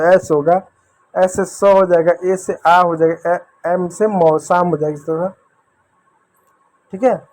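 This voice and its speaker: High-voiced man teaching reading patiently. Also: darkish tone. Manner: patient, repetitive step-by-step explaining, addressing children. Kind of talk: phonics lesson for children.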